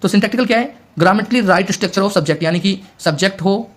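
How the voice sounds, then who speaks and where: A man's voice: high-pitched, a little slow. A man teaching an exam-prep lecture, explaining in mixed Hindi and English, repeating points and constantly checking in with his students.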